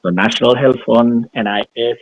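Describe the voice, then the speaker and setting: A middle-aged man, calling in and talking hesitantly with many pauses, his voice muffled as if heard through a wall. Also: medium pitch, steady tone, dry recording. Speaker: caller. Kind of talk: casual discussion. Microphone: phone. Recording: muffled dull call line.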